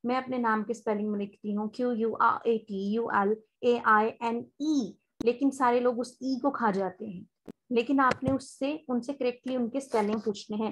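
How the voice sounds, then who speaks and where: A woman with a Pakistani accent teaching an online spoken English class, explaining step by step and slowing down for polite sample phone lines. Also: a little high, slight background noise.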